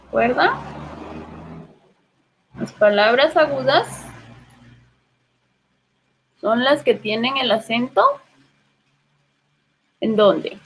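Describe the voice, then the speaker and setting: A woman's voice: a little high, lively intonation, drawn-out words, pauses often. A woman with a Guatemalan Spanish accent teaching literature in an online class, patiently prompting students with questions.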